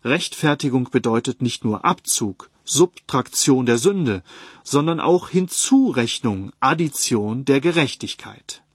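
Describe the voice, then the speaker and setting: Mann, Bibellehrer, gemessener Vortrag, trockener Raum. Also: male voice, mid-range voice, breathy edge, dry recording, clean studio sound. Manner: calm, measured, citing verses. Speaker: Bible teacher. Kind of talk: read sermon on a Bible text.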